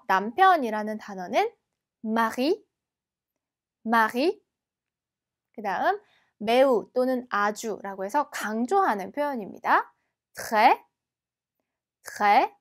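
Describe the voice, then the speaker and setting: A woman teaching a language lesson, explaining patiently and repeating each word slowly and carefully. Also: on the high side. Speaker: French teacher.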